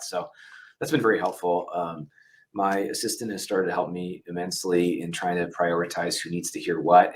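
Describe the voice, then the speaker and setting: A company head speaks as a guest in an interview conversation, candid and thinking aloud with fillers. His voice is low, and the audio quality is poor.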